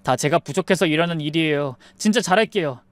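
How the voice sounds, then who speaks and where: A woman voicing a young groom who speaks politely and apologetically, in a slightly lower voice. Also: fast, no room sound, natural voice. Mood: earnest.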